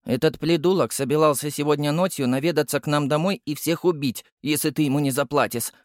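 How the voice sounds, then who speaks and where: A man voicing a cocky two-year-old boy with a squeaky voice who says L instead of R, in an audiobook. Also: brisk, dry recording, clean studio sound, lightly acted. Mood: stern.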